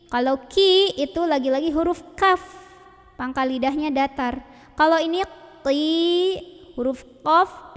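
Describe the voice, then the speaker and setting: A woman teaching Quran recitation, patiently modeling and repeating each Arabic sound slowly. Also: high voice, long reverb tail. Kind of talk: tajwid pronunciation lesson.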